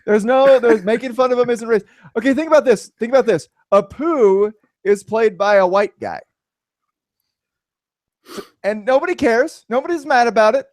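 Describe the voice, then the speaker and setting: Lively high-voiced man chatting on a podcast. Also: no echo, clean studio sound. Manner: animated, rambling, laughs often. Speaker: podcast co-host. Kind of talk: casual movie-review chat.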